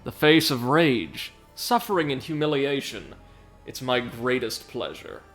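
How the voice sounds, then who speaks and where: A man voicing a gloating, cruel game villain who taunts with slow theatrical menace. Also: mid-range voice, sing-song, fairly bright tone, soft background music.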